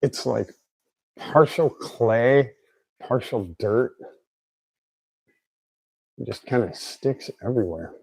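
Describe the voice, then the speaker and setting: A man's voice: medium pitch, animated, slow, gravelly, long pauses, darkish tone, breathy edge, no room sound, poor audio. A man giving a casual hands-on repair tutorial, thinking aloud as he works, his articulation slightly off after recent oral surgery. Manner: informal, thinking aloud while working. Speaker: DIY car repair presenter.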